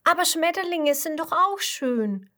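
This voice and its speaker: A woman voicing a curious, excited little tiger cub with high, eager, drawn-out exclamations. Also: heavily acted.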